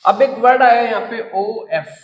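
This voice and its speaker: A man with an Indian English accent teaching a spoken English lesson, repeating key words slowly and emphatically. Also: very high voice. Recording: echoey room with long reverb.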